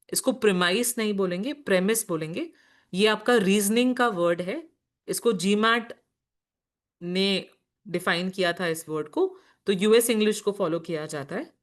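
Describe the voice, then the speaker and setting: Woman teacher explaining step by step. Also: mid-range voice. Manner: explains patiently, asks and answers her own questions; mixes English terms into Hindi explanations. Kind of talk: classroom lecture.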